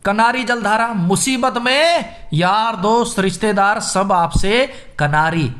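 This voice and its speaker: High-voiced man teaching memory tricks. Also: slow pace, a bit bright. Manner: playful, acts out crowd voices in a sing-song way. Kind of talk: exam mnemonic lesson.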